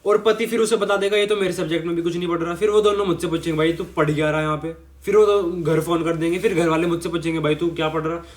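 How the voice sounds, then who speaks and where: A young man telling a rambling, exasperated comic story about tuition classes, full of self-pity. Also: high-pitched. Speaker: student storyteller.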